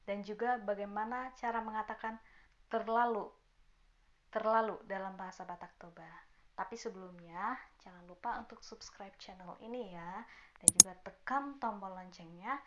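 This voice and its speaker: A woman giving a casual online language lesson, chatting with viewers and repeating example words slowly and carefully. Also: mid-range voice, fairly bright tone, slight background noise. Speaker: language teacher. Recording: dull lo-fi sound.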